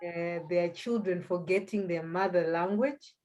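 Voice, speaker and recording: The language school founder, a native Shona speaker with a Zimbabwean accent, talks as an interview guest, giving a conversational personal account full of hesitation and repetition. Her voice sits on the low side with a darkish tone, and she takes her time.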